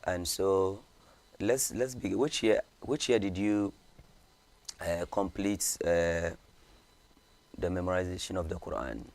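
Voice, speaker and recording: A man hosting an interview, preaching in Hausa before calmly questioning his guest and repeating her answers back. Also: low voice, unhurried, pauses often. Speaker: host. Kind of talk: radio interview, opens with Hausa sermon.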